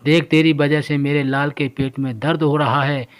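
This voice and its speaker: A man's voice: on the high side, flat delivery, moderate pace, lightly acted. A man voicing a harsh, scornful middle-aged stepmother in a storybook tale, scolding and sneering. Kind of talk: storybook voice acting.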